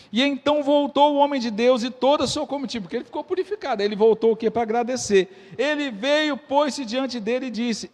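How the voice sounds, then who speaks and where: A man with a Brazilian Portuguese accent preaching a sermon, reading scripture and asking the congregation questions as he retells the story. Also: very high-pitched. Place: church. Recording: echoey church hall.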